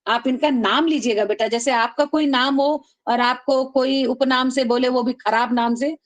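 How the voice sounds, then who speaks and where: Woman teacher, high voice, online lesson, slow drilling chants. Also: fairly even intonation. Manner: calls students "beta", drills them call-and-response; chants rules slowly, syllable by syllable. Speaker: Sanskrit teacher. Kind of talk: online class lecture.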